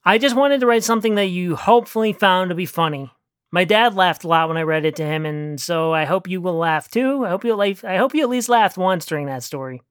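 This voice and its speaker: An author reading a darkly comic short story aloud in a dry, deadpan way, then chatting casually about it. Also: medium pitch, brisk, clear, resonant tone, no room sound. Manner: dry deadpan narration, chatty and giggly when talking afterward. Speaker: author and narrator.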